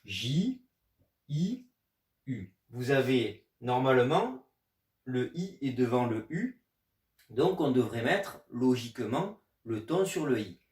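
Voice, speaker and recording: A man gives a video lesson, patiently walking through a rule and spelling letters out one by one. His voice sits at an ordinary middle pitch. The sound carries a roomy echo and is picked up by a mic some distance away. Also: lively intonation, a little slow, a little mellow. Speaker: Chinese language teacher. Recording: echoey room, mic at a distance.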